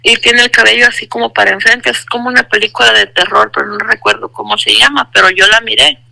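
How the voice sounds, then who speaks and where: A woman's voice: fairly high pitch, fairly even intonation, quick pace, vocal fry, bright, forceful tone, no echo, poor audio. A woman sharing a personal religious testimony in an earnest voice, repeating phrases for emphasis and speaking to the listener as brother.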